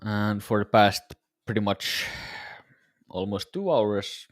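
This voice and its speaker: A tired day-trading livestreamer chats casually with his viewers in a fairly low, slightly worn voice, speaking slowly. He sounds laid-back and musing, and the audio is studio quality with no echo.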